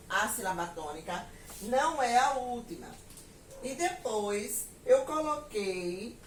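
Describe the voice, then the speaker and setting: A woman teacher with a Pernambuco accent gives a lesson, dictating words and sentences slowly. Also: mid-range voice, slight background noise. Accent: Pernambuco Portuguese. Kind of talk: recorded classroom lesson. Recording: echoey room, mic at a distance, faint ambience.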